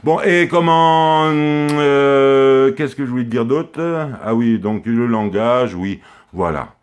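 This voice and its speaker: A man's voice: mid-range voice, fairly even intonation, slow pace, smooth. A man in a rambling comic monologue, telling crude jokes in a confiding way as he records a video message to his daughter. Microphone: handheld camera close up.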